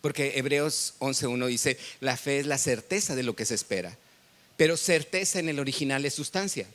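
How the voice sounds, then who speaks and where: A man's voice: mid-range voice, normal speed, fairly bright tone. A man with a Mexican accent preaching a sermon as pastor, telling stories in a conversational way and quizzing the congregation.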